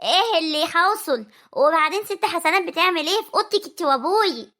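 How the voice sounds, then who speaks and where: A woman voicing a sharp-tongued young village daughter with a rural Egyptian accent, quick and nagging. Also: very high-pitched, lively intonation, full character voice. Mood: complaining. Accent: rural Egyptian Arabic.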